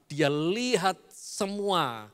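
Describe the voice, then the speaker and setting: A man preaching a sermon, with dramatic swings in pitch and loudness, often addressing the congregation directly. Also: big pitch swings, extremely slow, clean tone. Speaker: pastor. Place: large church hall. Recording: church hall reverb.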